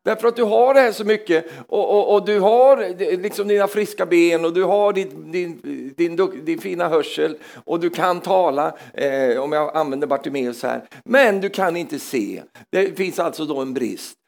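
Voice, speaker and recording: A man preaching a charismatic sermon in a church, swinging between loud exclamations and hushed asides, often repeating words as he goes. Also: on the high side, gravelly, hardly any pauses.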